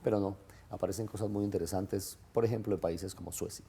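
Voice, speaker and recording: A man's voice: fairly low pitch, fairly even intonation, fast, warm tone. A man hosting a TV magazine show, leading the talk with friendly questions. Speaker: host. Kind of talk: late-night TV magazine chat.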